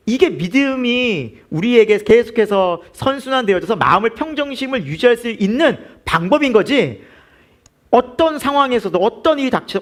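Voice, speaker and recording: A man preaching in a church with a high, lively voice that climbs and falls across every phrase. He keeps asking the congregation questions and answering them himself. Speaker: pastor. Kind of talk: sermon.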